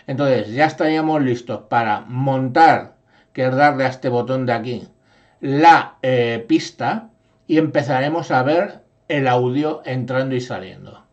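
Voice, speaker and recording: Guy walking you through audio software, slow and patient, keeps saying vale. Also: mid-range voice, lo-fi sound. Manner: explanatory, frequent "¿vale?" check-ins. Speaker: software tutorial presenter. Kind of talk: screen-recorded software tutorial. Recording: echoey processed signal through audio effects.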